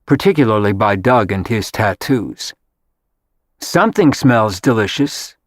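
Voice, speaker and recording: A man narrating an audiobook in a steady, measured reading. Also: medium pitch, dry recording, studio quality. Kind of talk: scripted narration.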